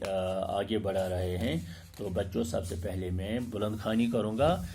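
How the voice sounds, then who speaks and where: A male school teacher giving an Urdu lesson, reading aloud and then explaining new words slowly, stressing correct pronunciation with frequent hesitations. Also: on the low side, gravelly, a little mellow, slight background noise. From Kashmir. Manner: slow, deliberate, stresses pronunciation, many filler sounds.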